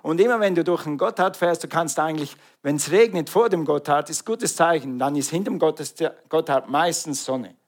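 A middle-aged Swiss man, accent distinctly Swiss German, calls out to his congregation during an animated sermon. He speaks at a normal speed with a slightly high voice and barely pauses.

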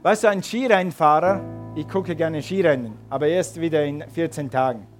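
A man's voice: on the high side, normal speed, music in the background. A man preaching a sermon and calling his congregation to respond. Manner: preaching with rising emphatic calls to the congregation. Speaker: pastor.

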